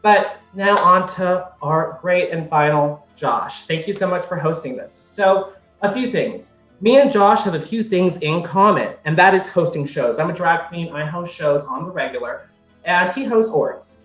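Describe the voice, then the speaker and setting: A man's voice: fairly high pitch, animated, a little slow, fairly bright tone, faint music behind. A man performs a crude roast in a campy, sassy way, and he swears freely. He is heard over a video call, and his voice carries a roomy echo. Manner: sassy, profane, campy delivery. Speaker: roast contestant.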